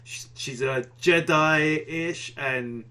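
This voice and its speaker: A man's voice: on the high side, very slow, pushed and bright. A man co-hosting a casual podcast, rambling enthusiastically and often saying "man". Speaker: podcast co-host. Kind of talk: casual chat.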